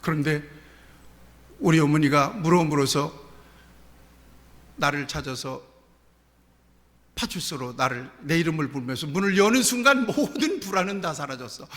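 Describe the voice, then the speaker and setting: A middle-aged male pastor preaching a sermon, animated, full of rhetorical questions and personal stories. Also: a little high, normal speed, pauses often. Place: church sanctuary. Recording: long church hall reverb.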